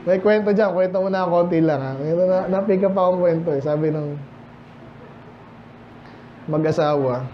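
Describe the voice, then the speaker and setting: High-voiced Filipino preacher joking with the flock. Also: male voice, normal speed, long pauses, highs cut off, a little hiss or hum. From Philippines. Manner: conversational, joking with the congregation. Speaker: pastor. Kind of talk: midweek Bible study sermon. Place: church.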